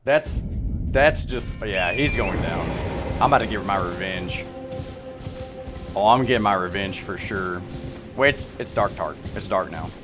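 A young man streaming a video game, hoarse from yelling all day, chatting to himself in slang and bursting into excited yells. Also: low-pitched, unhurried, pauses often. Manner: slangy, says bro and dude. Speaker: gaming streamer. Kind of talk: casual live gameplay commentary. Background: game music.

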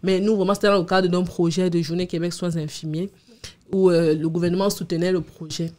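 A woman in her thirties, an immigrant to Canada from abroad, is a podcast guest answering questions casually in a small indoor studio. Her fairly low, warm voice holds a level tone at a fairly quick pace, and she hesitates and repeats words as she explains, speaking into a boom-arm studio mic with headphones on.

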